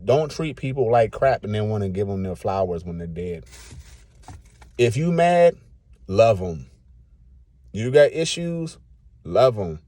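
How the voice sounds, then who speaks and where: A man's voice: lowish voice, sing-song, a little slow, long pauses, dark tone, no room sound. Blunt preachy man in his thirties. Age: 30s. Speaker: vlogger. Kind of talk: casual rant to camera.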